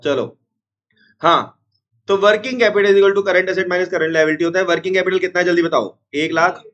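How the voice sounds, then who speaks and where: Casting: high-voiced man teaching accounts, sounds unwell, dull lo-fi recording. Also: steady tone, fairly bright tone. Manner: repeats formulas slowly, scolds chattering students. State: unwell, strained chest. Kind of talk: classroom lecture.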